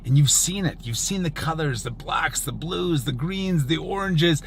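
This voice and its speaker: Earnest gravelly man, awed and reflective. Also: a little high, expressive, moderate pace, slight background noise. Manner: earnest, awed, emphatic with repetition. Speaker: storm chaser. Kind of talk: reflective personal storytelling.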